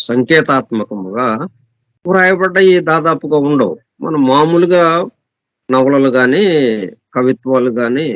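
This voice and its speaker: A man giving an explanatory scripture lesson as a spiritual teacher, repeating and listing synonyms slowly and deliberately, reading English passages very slowly. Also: a little high, fairly bright tone, dry recording. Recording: dull, dry lo-fi recording.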